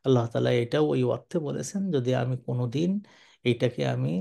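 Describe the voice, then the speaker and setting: Here an older man gives animated, conversational commentary on the Quran like a sermon, moving from slow recitation in Arabic to quick speech. His voice is medium in pitch and carries vocal fry.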